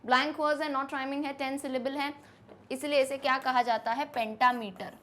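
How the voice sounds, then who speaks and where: A young Indian woman teacher explaining a poem to students in a lively way, asking them questions as she goes. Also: sits high, moderate pace, a little hiss or hum. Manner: lively, asks questions to students, mixes Hindi and English. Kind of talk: classroom lesson explanation.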